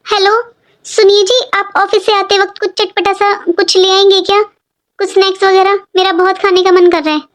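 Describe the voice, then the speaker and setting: A performer voicing a sad, pregnant young daughter-in-law who pleads and complains softly in a cartoon story. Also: extremely high pitch, flat delivery, moderate pace. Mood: plaintive. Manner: plaintive, pleading. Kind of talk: animated cartoon voice acting.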